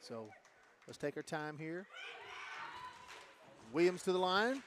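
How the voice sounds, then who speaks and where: A man giving relaxed, analytical basketball color commentary with frequent fillers. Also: a little high, takes it slowly, noisy background.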